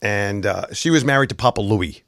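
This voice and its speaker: A man's voice: on the low side, normal speed, a bit bright, dry recording, clean studio sound. Sarcastic male talk show host. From New York. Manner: sarcastic, wry asides. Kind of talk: casual political commentary.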